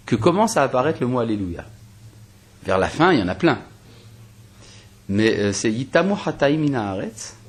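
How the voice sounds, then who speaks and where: A man with a husky, slightly breathy voice gives a spoken religious lesson. His pitch rises and falls in a lively way as he reasons aloud, asking his listeners questions and restarting sentences mid-thought. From Algeria. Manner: explains step by step, asking rhetorical questions; hesitant restarts and fillers while reasoning. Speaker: rabbi teaching a class.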